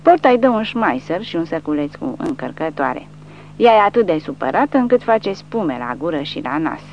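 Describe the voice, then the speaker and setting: A woman reads a war novel aloud as an audiobook narrator, her fairly low voice rising and falling with the drama. The recording is dull and lo-fi, with a faint hum underneath. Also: very animated, a little mellow. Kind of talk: scripted narration.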